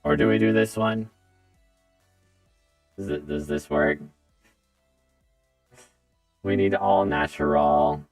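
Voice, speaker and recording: A man's voice: deep voice, slow pace, long pauses, breathy edge, dry recording, faint music behind. A man hosting a casual gaming livestream, rambling playfully and joking with his chat. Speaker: gaming streamer.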